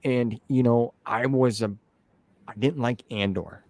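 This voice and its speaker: This interview host speaks at medium pitch, a bit slowly and with a slightly mellow quality, over slight background noise. He keeps the conversation loose and wandering, tossing in "man" and "dude" as he goes.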